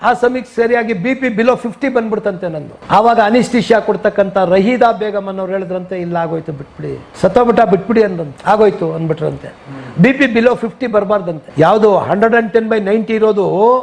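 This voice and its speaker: Gravelly high-voiced older Kannada man. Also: brisk, darkish tone. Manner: vivid retelling, switches into English quotes. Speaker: retired police officer. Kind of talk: interview storytelling.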